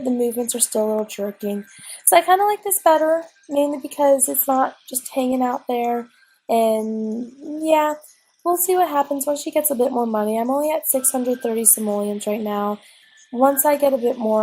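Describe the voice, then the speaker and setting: At her desk at home, a young let's play gamer, still sniffly from a cold, chats and rambles through her gameplay with frequent ums and restarts. Her fairly high voice has a dark, slightly rough tone, and the audio is poor.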